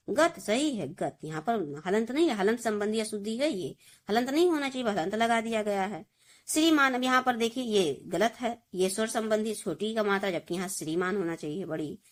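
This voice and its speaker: A woman's voice: mid-range voice, lively intonation, normal speed. Woman teacher going through grammar, repeats each word, keeps talking to the kids. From India. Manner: explains step by step, repeats words, addresses students as children. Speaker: Hindi teacher. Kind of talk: classroom grammar lesson.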